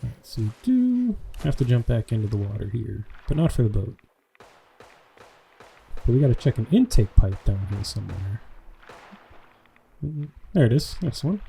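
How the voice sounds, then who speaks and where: A man's voice: medium pitch, big pitch swings, moderate pace, vocal fry, pauses often, mellow, slight background noise. A man hosting a let's play, giving laid-back, joking commentary while playing a game. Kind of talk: casual gameplay commentary.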